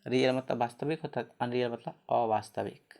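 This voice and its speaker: A man's voice: medium pitch, steady tone, a little fast, vocal fry, darkish tone. Man teaching pronunciation, spelling letter by letter. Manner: repetitive question-and-answer teaching, spells words letter by letter.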